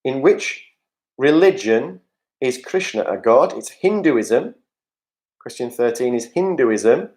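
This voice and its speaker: Hosting an online pub quiz over a video call, a man reads out questions and answers, tossing jokey, chatty asides to the players. His medium-pitched voice is animated and a little mellow, and he speaks slowly.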